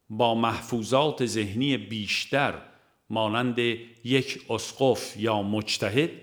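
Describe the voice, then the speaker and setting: Reciting scripture and verse for a religious audiobook, a man speaks formally and measuredly, pausing between phrases, in a mid-range voice with a fairly bright tone.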